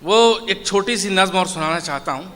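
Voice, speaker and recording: A man's voice: high-pitched, animated, moderate pace, fairly bright tone. A man performing as a comic poet, telling stories on stage and acting out the people in his jokes. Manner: chatty, acts out characters in jokes. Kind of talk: stand-up storytelling at a poetry gathering. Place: stage in a large hall. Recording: echoey hall, faint noise.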